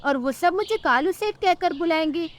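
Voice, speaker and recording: A woman's voice: very high-pitched, animated, moderate pace, slight background noise. A woman voicing a cunning, greedy male crow in a cartoon, wheedling as he begs. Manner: wheedling and grasping.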